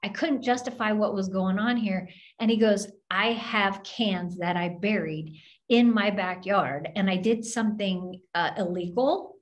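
A woman's voice: medium pitch, a little slow, lo-fi sound. A woman minister telling a story in an open forum, acting out the voices of the people in it. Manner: animated, acts out the voices in her story.

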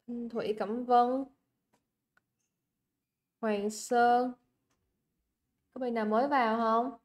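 A young woman with a Vietnamese accent teaches an English exam class over a livestream. Her voice sits a little high, and she talks in a chatty, coaxing way. She repeats words for emphasis and keeps checking that her students are following. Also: steady tone, slow. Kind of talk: livestream exam review lesson.

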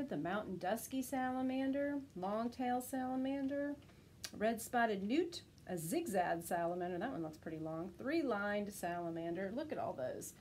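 A woman's voice: on the high side, a little hiss or hum, low-quality recording. A woman teacher reading a rhyming children's picture book aloud, lifting her voice for the characters. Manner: expressive rhyming storytelling, lifts her voice for quoted characters.

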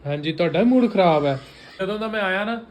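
A man's voice: high voice, expressive, fast talker, highs cut off, a crowd in the background. A man with a Punjabi accent and a cold, chatting casually as a family vlogger in a teasing, questioning manner. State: has a cold. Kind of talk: casual chat to camera and to a child.

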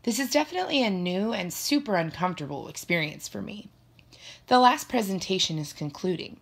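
A woman narrating a first-person children's story in an expressive, playful way. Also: medium pitch, a little fast, vocal fry. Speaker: audiobook narrator.

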